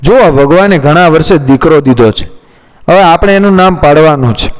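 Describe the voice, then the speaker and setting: A man voicing a shrewd older male merchant, calm and cunning, in a storybook reading. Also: fairly high pitch, normal speed, lightly acted. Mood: coaxing. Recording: long hall reverb.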